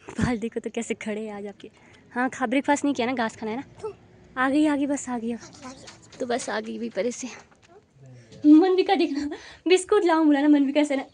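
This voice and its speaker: Hey so a young woman, high pitched, casual family vlog talk, fussing over her little kids. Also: normal speed, pauses often, a little mellow, a little hiss or hum. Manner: chatty, coaxing and scolding her small children. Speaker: vlogger and mother.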